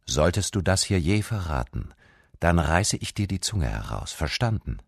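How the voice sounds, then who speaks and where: A man's voice: rumbling low, very animated, unhurried, dry recording, clean studio sound, voice pushed down, exaggerated voice. A man reading a stern, threatening Viking father. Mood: menacing. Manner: harsh, commanding. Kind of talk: dramatic reading.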